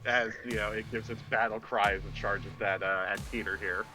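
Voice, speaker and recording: A man narrating as game master in a relaxed, filler-filled way. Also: fairly low pitch, normal speed, music in the background. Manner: relaxed, uses many fillers.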